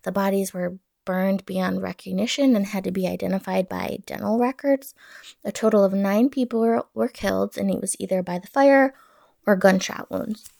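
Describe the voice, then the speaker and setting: A woman with a mid-pitched voice and noticeable creak narrates true crime as a podcast host. She tells it in a casual, conversational way with offhand asides. The sound is dry, with very little room around it. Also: normal speed, mellow, dry recording. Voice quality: creaky vocal fry.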